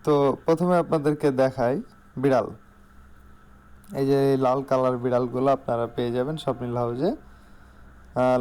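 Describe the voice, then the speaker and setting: Bangladeshi guy doing a casual sales voiceover for his shop, mellow and clear, mid pitch. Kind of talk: informal product showcase voice-over.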